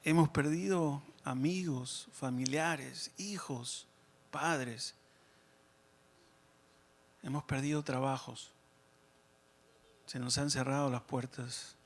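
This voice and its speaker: A man speaking as a priest at Mass, in a measured, solemn way with pauses between short phrases. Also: medium pitch, fairly even intonation. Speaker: priest preaching and leading prayers at Mass. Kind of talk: sermon and liturgical prayer. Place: church during Mass.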